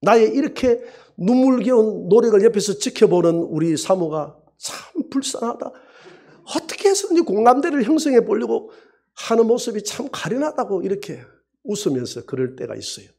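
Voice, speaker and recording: A middle-aged male pastor, preaching a sermon and telling anecdotes in an animated way. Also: sits high, slightly rough. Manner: animated storytelling preacher who acts out quoted voices.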